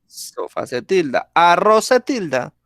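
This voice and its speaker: A man's voice: high-pitched, very animated, a bit bright. A man teaching a grammar lesson over a video call, speaking patiently and checking in with the class often. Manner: slow, patient, checks in with frequent "¿sí?".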